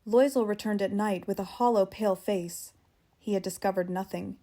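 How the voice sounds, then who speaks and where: Woman, standard American accent, mellow relaxed tone, medium pitch, audiobook narration, measured expressive storytelling. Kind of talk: scripted literary narration, audiobook.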